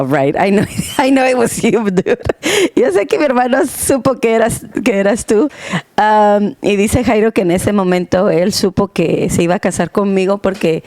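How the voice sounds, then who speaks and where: A woman's voice: mid-range voice, a little mellow, clear, resonant tone, no echo. A young adult woman, co-host of a home podcast, telling a casual story and switching between Spanish and English mid-sentence. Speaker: podcast co-host, pastor's wife. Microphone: home podcast mic.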